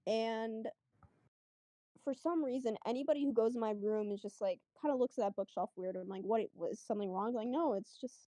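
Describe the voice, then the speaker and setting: A woman's voice: on the high side, normal speed, mellow, dry recording. A woman telling a podcast interviewer a personal story in a casual, chatty way, acting out what people said. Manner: chatty, lots of fillers, acts out quotes. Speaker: guest.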